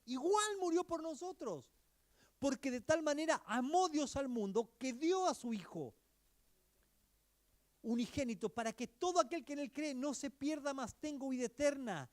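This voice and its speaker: Earnest pastor preaching. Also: male voice, extremely high pitch, animated, normal speed. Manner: earnest, exhorting, swings between emphatic and hushed. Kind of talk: sermon.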